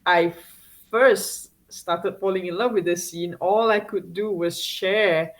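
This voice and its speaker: A woman's voice: fairly low pitch, slow, low-quality recording. A woman from Singapore, a guest chatting casually in an interview, with many fillers, restarts and laughs.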